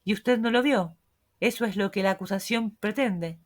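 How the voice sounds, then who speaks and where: A woman reading the lines of a stern male court president, speaking gravely and with a threatening edge. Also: medium pitch, normal speed, natural voice. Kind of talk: audiobook reading.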